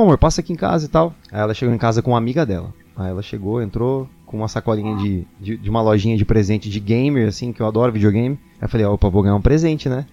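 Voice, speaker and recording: A man's voice: lowish voice, highs cut off. A young man, a singer telling a personal story casually and animatedly, acting out what people said. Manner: animated, quotes people in excited voices.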